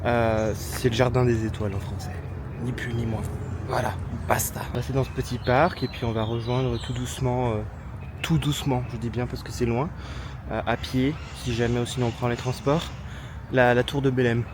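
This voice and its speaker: A man's voice: mid-range voice, little pitch movement, moderate pace, background noise. A man casually vlogging a city trip outdoors, chatty and hesitant, with lots of fillers and self-mocking asides. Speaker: travel vlogger. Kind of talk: casual travel vlog.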